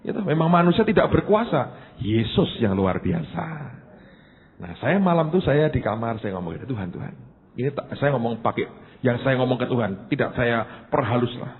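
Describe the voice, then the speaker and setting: A man's voice: medium pitch, normal speed, slightly rough. A man pastor preaching a sermon, telling stories and acting out the voices of the people in them. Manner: animated storytelling, acting out voices in dialogue. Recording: tinny lo-fi sound with long reverb.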